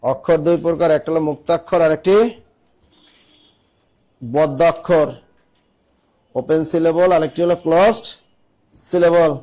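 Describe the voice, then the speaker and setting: A man's voice: on the high side, steady tone, moderate pace, long pauses, mellow. A male teacher giving a classroom lecture, repeating key phrases and quizzing his students. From Bangladesh.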